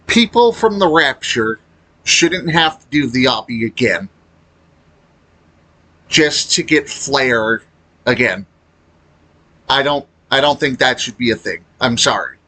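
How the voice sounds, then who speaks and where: This man, a gaming video creator, offers loose, off-the-cuff opinions, stumbling as he goes and griping bluntly. His voice sits mid-range, lively and sharp-edged.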